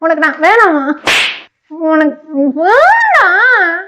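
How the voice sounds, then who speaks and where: Tamil wife in a couple vlog, very high voice, frantic, pleading, close to tears. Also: female voice, huge pitch swings, very slow, very noisy. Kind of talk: casual couple banter.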